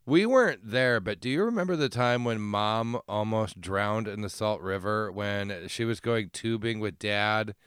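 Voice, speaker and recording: Hoarse man getting over a cold. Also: fairly low pitch, unhurried, hardly any pauses, a bit bright, no room sound. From Arizona. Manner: laughs often, loose and joking. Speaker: podcast co-host. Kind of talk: casual chat.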